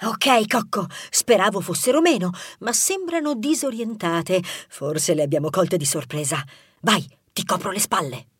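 A man's voice: very high voice, big pitch swings, unhurried, fairly bright tone, no echo, clean studio sound, pitched above the performer's own voice, exaggerated voice. A man voicing a bold female mouse adventurer in a storybook, speaking in a theatrical, commanding way. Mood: hushed. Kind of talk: storybook character voice.

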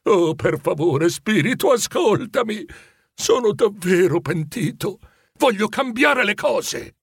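Man reading as a frantic old miser, husky voice pushed high, pitch leaping about, dry close sound. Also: expressive, slow, dry recording, exaggerated voice. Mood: pleading. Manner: anguished, pleading, high-pitched. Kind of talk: storybook reading.

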